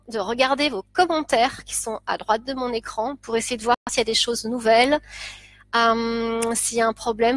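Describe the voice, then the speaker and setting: A woman's voice: fairly high pitch, a bit bright, no echo. A woman who teaches French, chatting on a live stream as she greets viewers by name and laughs often. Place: home, living in Pakistan.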